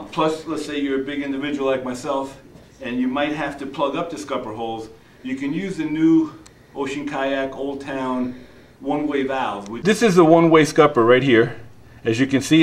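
A middle-aged man explaining kayak features in a casual product demonstration, with frequent fillers and restarts, in a large shop. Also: medium pitch. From New Jersey. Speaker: kayak fishing presenter. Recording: roomy shop echo, faint noise.

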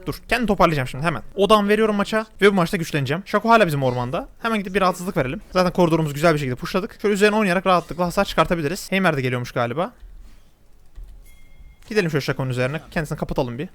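A man's voice: sits high, lively intonation, a bit bright, dry recording. A young man casually commentating his own match as he plays, chatty and talking straight to his viewers. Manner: rapid, chatty, addresses viewers directly. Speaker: gameplay commentator. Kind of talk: live gameplay commentary.

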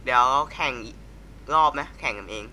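A man chatting crudely with a friend while playing a racing game, speaking quietly into a mic set far from his mouth at home. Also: medium pitch, fairly quick, crowd noise. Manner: crude joking banter, swears a lot. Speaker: gamer streamer. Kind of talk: casual gaming chat. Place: home at night.

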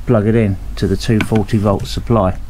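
In his cluttered home workshop, a radio restorer casually narrates while inspecting an old radio, thinking aloud with frequent ums and hesitations. His fairly low voice keeps a fairly even intonation at normal speed, over a noisy background.

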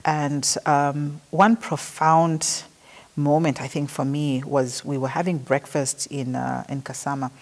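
Paying tribute as an interviewee, a middle-aged woman with a Zambian accent chats through memories of a trip, voicing the lines people said. She speaks low-pitched, at a measured pace, with little pitch movement.

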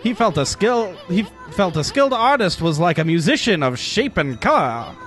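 A man's voice: high voice, big pitch swings, normal speed, fairly bright tone, faint music behind, pitched above the performer's own voice. A man voicing a cocky, tiny male wandering artist, reading game dialogue in a chatty, teasing way. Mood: admiring.

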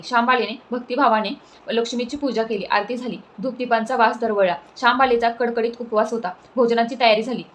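A woman storyteller reading a devotional folk tale in a steady, measured recital. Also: a little high, poor audio.

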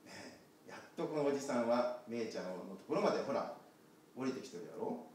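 Give me a pastor telling children a picture-card story in a big echoey church, lively and asking questions. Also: male voice, medium pitch, brisk, slight background noise. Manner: animated, talks with the children. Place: church sanctuary. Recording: echoey church hall from far off.

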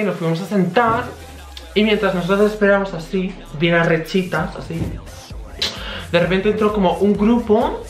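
A man's voice: high-pitched, fairly bright tone. Camp young man, Spain Spanish accent, dramatic vlog storyteller; roomy echo. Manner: camp, dramatic, crude slang. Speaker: vlogger. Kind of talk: casual storytelling. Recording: roomy echo, faint music.

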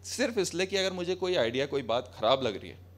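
A young man with a fairly high, animated voice talks fast during a live stand-up set on a small cafe stage. Holding a handheld mic, he addresses the audience in a sarcastic, conversational way, switching between Hindi and English.

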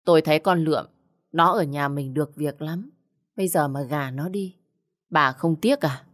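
A woman's voice: sits low, normal speed. A woman voicing a sly, evasive middle-aged man who is head of the household in a storybook. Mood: wheedling. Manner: wheedling, evasive.

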